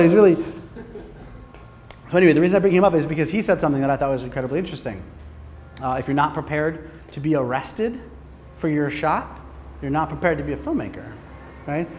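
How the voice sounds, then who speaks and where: A man's voice: on the high side, a little mellow, in a large hall, slight background noise. A man from Michigan with an American accent, giving a casual, joking talk on filmmaking to a live audience. He speaks animatedly, swears freely and often restarts his sentences. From Michigan, USA. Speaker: film director giving a talk. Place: hot lecture room with an audience.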